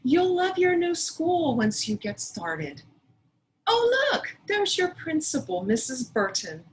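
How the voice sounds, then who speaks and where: Woman reading as a coaxing storybook father, pitched high. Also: big pitch swings, slow pace, a little hiss or hum, full character voice, rough recording. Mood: cheerful reassurance. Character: coaxing, patient but firm father in storybook. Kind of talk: storybook read-aloud.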